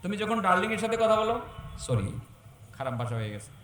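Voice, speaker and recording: A male preacher with a high voice delivers a waz sermon. He swings from loud exhortation to soft storytelling. The recording is echoey, with a faint hum underneath. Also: sing-song, brisk, far from the mic.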